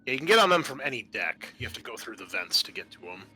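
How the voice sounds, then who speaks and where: Running a tabletop roleplaying game as game master, a man narrates off the cuff and stops now and then to think aloud. His voice is medium-pitched, sing-song and sharp.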